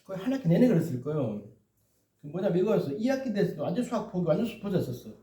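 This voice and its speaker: A man's voice: high voice, big pitch swings, rapid-fire, mellow. Man teaching math in an echoey room. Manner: rambling, self-deprecating, repeats "이렇게" and "그죠?". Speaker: math tutor. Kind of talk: casual explanatory lesson. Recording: echoey, dull, distant mic.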